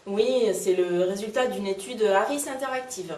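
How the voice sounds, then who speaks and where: A woman's voice: medium pitch, normal speed, a little mellow. A woman playing a matter-of-fact helpdesk operator in a student comedy sketch, recorded in an echoey room from a distance. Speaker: phone desk operator in a sketch. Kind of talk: comic sketch acting. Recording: echoey room, distant mic, faint noise.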